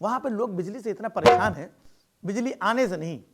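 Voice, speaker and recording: A man telling jokes on stage in a lively, animated way. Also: high voice, a little fast, loud music behind the voice. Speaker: stand-up comedian. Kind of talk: stand-up joke telling.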